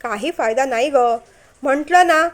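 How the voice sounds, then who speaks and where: A woman playing a gentle, coughing old man. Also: sits high, unhurried. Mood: regretful. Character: older ill man, loyal and gentle, coughing.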